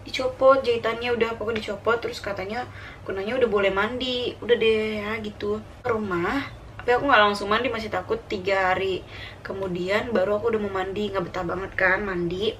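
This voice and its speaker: A woman's voice: fairly even intonation, fairly quick, fairly bright tone. Chatty young woman, a bit off-mic. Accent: Indonesian. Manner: chatty and confiding, turns high and panicky when reliving the scare. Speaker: vlogger. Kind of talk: personal storytelling vlog. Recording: slightly distant mic with faint room noise.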